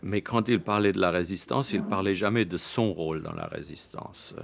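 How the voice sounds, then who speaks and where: A man recalling someone he knew in a documentary interview, hesitant and full of pauses. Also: sits low, gravelly, crowd noise. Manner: hesitant, many fillers.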